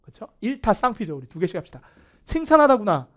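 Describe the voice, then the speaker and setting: A man teaching English vocabulary in a video lecture, animated and playfully self-mocking. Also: high-pitched, fast talker. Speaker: English test instructor.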